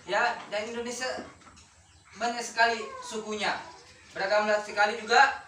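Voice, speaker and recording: A woman's voice: on the high side, fairly even intonation, moderate pace, fairly bright tone, slight background noise. A woman teaching a classroom lesson, firing questions at her pupils and repeating key words. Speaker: schoolteacher. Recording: roomy classroom heard from a distance.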